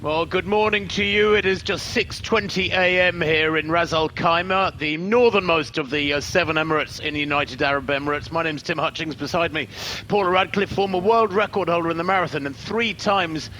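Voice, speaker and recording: A man commentating on a road race, brisk and informative, over background music. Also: a little high, fairly even intonation, bright, forceful tone.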